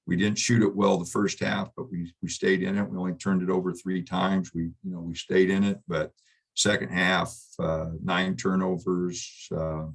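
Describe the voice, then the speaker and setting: Middle-aged male coach, deep husky voice, halting postgame answers. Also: flat delivery. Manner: halting, subdued, many fillers and restarts. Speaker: basketball head coach. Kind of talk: postgame press conference.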